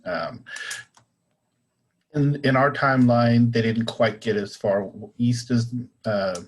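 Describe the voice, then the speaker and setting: A man's voice: medium pitch, takes it slowly, rough recording. A man with a Southern US accent talking in a casual panel discussion, hesitant and full of fillers and restarts.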